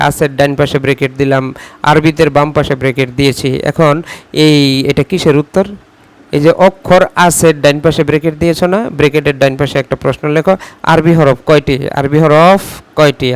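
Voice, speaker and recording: A man's voice: on the high side, steady tone, fast talker. A man with a Bangladeshi Bengali accent teaching a class, repeating questions for dictation and spelling out letter sounds one by one.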